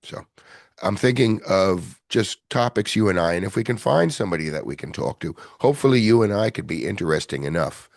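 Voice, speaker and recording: A man hosting a podcast in casual chat, rambling and self-deprecating, with a gravelly voice. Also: lowish voice, expressive, a little fast, no room sound, clean studio sound. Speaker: podcast host.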